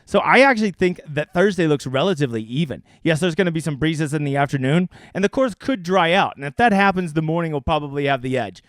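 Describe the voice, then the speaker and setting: On a livestream, a fantasy sports analyst casually runs through his fantasy golf picks, joking and getting crude. His voice sits fairly high and sounds animated, and he talks quickly with hardly a pause. There's no room sound.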